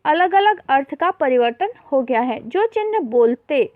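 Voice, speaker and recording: A woman's voice: high-pitched, expressive, a little slow, dry recording. A woman teacher patiently explaining a worksheet lesson to young children, often calling them beta, mixing in English words. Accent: Hindi, mixing English terms. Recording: tinny phone-like voice-over.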